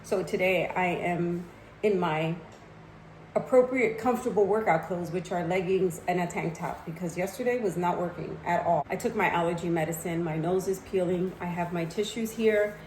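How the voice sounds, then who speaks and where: A woman's voice: on the low side, slight background noise, poor audio. A middle-aged woman with a cold, chatting upbeat and straight to camera in a casual vlog. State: sniffly with a cold. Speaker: lifestyle vlogger.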